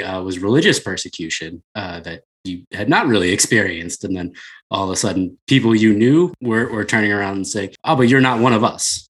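A man's voice: lowish voice, breathy edge. A man interviewing a guest, asking inquisitive, supportive questions. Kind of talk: interview conversation.

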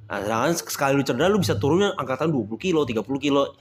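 A man's voice: medium pitch, animated, rapid-fire. A man in a casual podcast discussion, explaining training habits and asking follow-up questions.

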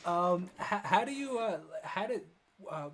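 A man hosting a casual interview, laid-back and chuckling, sometimes halting as he frames his questions. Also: high-pitched, lively intonation, fairly bright tone. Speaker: interview host.

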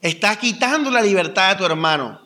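A young man preaches in a loose, conversational way, spinning stories and throwing rhetorical questions at the congregation. His voice sits a bit high and rings bright and forceful. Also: a little fast. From Colombia. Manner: animated storytelling with rhetorical questions. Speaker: pastor. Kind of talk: conversational sermon.

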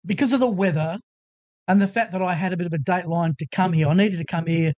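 High-voiced older Australian man, broad accent. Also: quick pace, darkish tone, muffled recording. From Australia, Adelaide. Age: late 60s. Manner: blokey, joking, salty slang. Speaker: featured guest on a talk show. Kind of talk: casual chat, anecdotes.

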